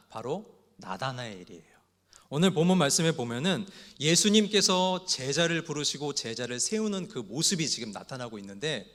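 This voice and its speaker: A man preaches to his congregation at a mid-pitched, even register. He tells the sermon as a string of light, humorous anecdotes. His voice carries a long reverb from the church sanctuary. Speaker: pastor. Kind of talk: evening worship sermon.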